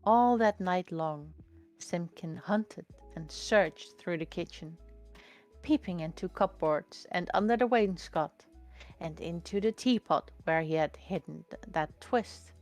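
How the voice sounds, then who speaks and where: A woman reading a children's storybook aloud in a slow, gentle, expressive way. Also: on the low side, faint music behind.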